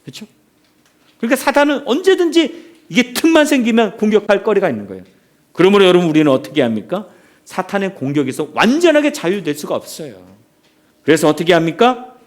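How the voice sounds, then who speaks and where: A man's voice: high-pitched, very animated, a little fast. A man preaching a sermon as a pastor, telling stories with animation and throwing questions out to the congregation.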